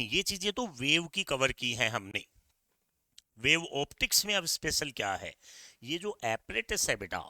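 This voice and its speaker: A middle-aged Indian man teaching exam physics in a very bright, crisp voice. He is energetic, hammers the key points again and again, and talks straight to his students. The sound is dry, with no room around it. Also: a little high, no echo. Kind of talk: exam-prep physics lecture.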